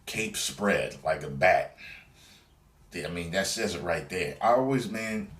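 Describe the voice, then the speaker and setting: A man's voice: low voice, slow, echoey room. A man giving a casual, profane, rambling review of a movie trailer, acting out scenes as he goes. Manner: animated, rambling, acts out scenes in voices.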